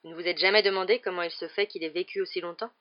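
A measured, steady grown man, as a woman narrator plays him, explaining in a lowish, even voice close to her own. The audio is dull and muffled, like an old audiobook. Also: close to an everyday voice. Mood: calm.

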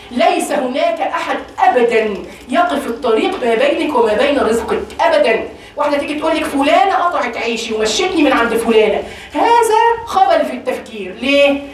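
A woman's voice: sits high, a little hiss or hum. A woman with an Egyptian accent giving a religious lesson to women, asking questions and answering them herself. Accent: Egyptian Arabic. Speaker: religious teacher. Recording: echoey room, voice far from the mic.

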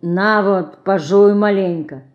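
Woman reading as a tired old organ grinder man, slow and folksy, grumbling gently. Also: medium pitch, highs cut off, close to an everyday voice. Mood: weary. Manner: slow, folksy, mild complaining. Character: weary poor old male organ grinder.

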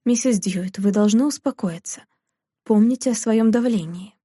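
A woman reading aloud, voicing a male doctor who speaks in a measured, firm way. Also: fairly high pitch, warm tone, husky, no echo, clean studio sound. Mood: firm calm. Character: calm, serious family doctor, man.

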